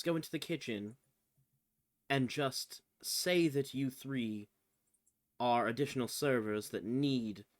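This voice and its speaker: A tabletop game player talks through a scheme in a thoughtful, measured voice at a middle pitch. The tone stays plain and conversational. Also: no room sound, studio quality. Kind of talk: tabletop role-play chat.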